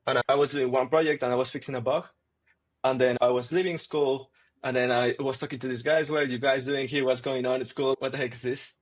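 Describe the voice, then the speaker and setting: A man's voice: medium pitch, little pitch movement, a little fast. A young man, a student guest, telling stories loosely with lots of fillers. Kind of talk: casual interview.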